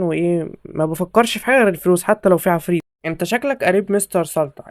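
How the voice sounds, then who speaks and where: A young man with an Egyptian Arabic accent giving jokey, excitable horror game commentary to his viewers from a home setup. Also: sits high, no room sound, studio quality. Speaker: gaming YouTuber.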